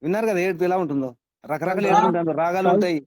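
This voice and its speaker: A man's voice: sits high, very fast, a little mellow, no room sound. A man teaching a scripture class, quizzing his students and repeating his points for emphasis. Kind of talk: interactive class lecture.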